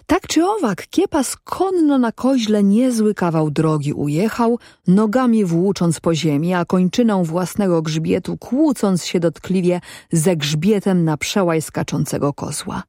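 A narrator reading an old-fashioned story as an audiobook in a measured, even way. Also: medium pitch, no room sound, studio quality.

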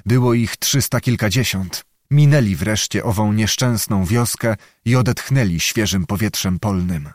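A man reading a historical novel aloud as audiobook narrator, in a measured way. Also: lowish voice, no echo, studio quality.

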